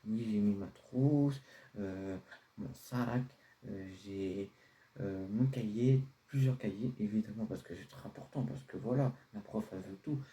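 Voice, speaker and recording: A man's voice: on the low side, unhurried, dark tone, natural voice. A man playing a carefree teenage son. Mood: casual. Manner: casual, pleading, hesitant with fillers. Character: carefree teenage son defending his outfit. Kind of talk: homemade comedy sketch.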